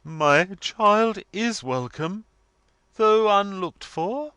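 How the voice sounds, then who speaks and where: A man's voice: high voice, lively intonation, extremely slow, pushed and bright, clean tone, dry recording, voice pushed up, full character voice. A man voicing a pompous, gloomy middle-aged mother in a storybook, declaiming with solemn, stately majesty. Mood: majestic gloom.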